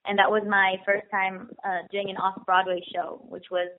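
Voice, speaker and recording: A woman's voice: medium pitch, little pitch movement, normal speed. Young woman, on the phone, thin tinny line, eager guest, repeats words for emphasis. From Israel. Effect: heard over a telephone line. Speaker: guest actress. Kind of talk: phone interview.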